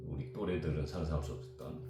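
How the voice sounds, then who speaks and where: A man in his fifties from South Korea, telling childhood stories in a rambling, animated way as a guest. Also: very deep voice, quick pace. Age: 50s. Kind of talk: storytelling chat. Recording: very echoey room with music behind.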